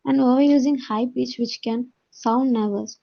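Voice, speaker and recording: A woman with a Telugu accent, an instructor teaching communication skills, gives a slide-based lesson, reading points aloud and then explaining them. Her voice is fairly high, dark-toned and very slow, with vocal fry and fairly even intonation, in a dull, lo-fi recording.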